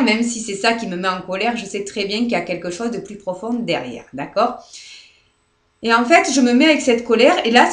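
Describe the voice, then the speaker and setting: A French woman therapist guiding viewers through releasing anger, speaking softly and hesitantly, often asking "d'accord?" and near tears. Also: fairly high pitch. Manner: soft, repetitive, often checks with "d'accord?"; hesitant, many fillers and restarts. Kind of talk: live guided demonstration. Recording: echoey room.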